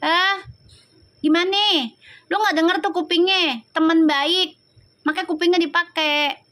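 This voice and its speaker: A woman's voice: extremely high pitch, steady tone, unhurried, pushed and bright. A woman, chatting on a live stream and scolding viewer comments in a sassy, slangy way. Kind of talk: casual live-stream chat reading comments.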